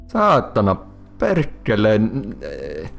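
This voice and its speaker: A young Swedish man with a Swedish accent chats loosely on a game development live stream, over soft background music. His lowish, gravelly voice swoops wildly in pitch at a slow pace, and he swears often, restarts sentences and fills gaps with ums and likes.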